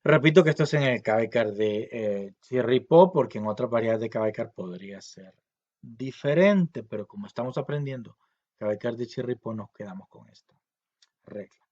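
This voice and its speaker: Man, language teacher, slow explanatory delivery, repeats examples, mid pitch, muffled lo-fi sound. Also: lively intonation, a little mellow. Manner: explanatory, many fillers, repeats example words slowly. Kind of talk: recorded grammar lesson.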